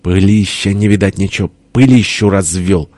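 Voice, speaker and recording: A man doing a hoarse, hot-tempered old father-in-law. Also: low-pitched, moderate pace, no echo, close to an everyday voice. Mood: gruff. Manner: hoarse shouting. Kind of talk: audiobook character voice.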